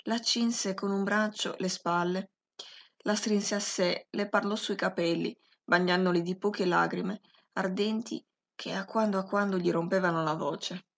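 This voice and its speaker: Female audiobook narrator, measured literary reading, gravelly fry, mid pitch. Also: fairly even intonation.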